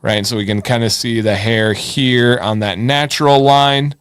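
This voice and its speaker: This casual, encouraging host of a live beard advice show has a mid-range, slightly bright voice with a steady, clean tone and a moderate pace. The studio audio is clean with no echo. He reads out viewer messages and gives advice in an informal way, thinking aloud and repeating himself as he goes.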